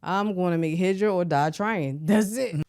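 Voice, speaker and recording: An American woman from Philadelphia, a shoe designer, talking as a podcast guest in a relaxed, conversational way. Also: lowish voice, normal speed. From Philadelphia, USA. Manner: relaxed, conversational, often asks "you know what I mean". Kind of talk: casual interview talk.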